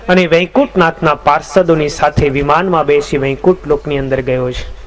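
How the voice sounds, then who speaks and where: High-voiced man telling a scripture story. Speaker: religious storyteller, swami.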